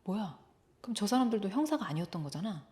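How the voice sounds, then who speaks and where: A woman's voice: mid-range voice, very animated, quick pace, natural voice. A woman voicing a jumpy teenage boy. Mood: puzzled. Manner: shouting in panic at times.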